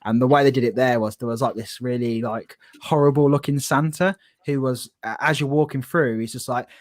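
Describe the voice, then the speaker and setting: A British man co-hosts a theme park podcast in loose, casual chat. He rambles, restarts his sentences and leans on fillers. His voice sits mid-pitch, recorded close and dry with no room sound. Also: steady tone, brisk, no room sound. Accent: British English. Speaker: podcast co-host.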